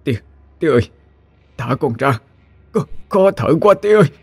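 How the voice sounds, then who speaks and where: A man's voice: fairly high pitch, lively intonation, normal speed, vocal fry, breathy edge, faint music behind, pitched above the performer's own voice, heavily acted. A man voicing a frightened young man who pleads in a panicked, strained way. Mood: pleading.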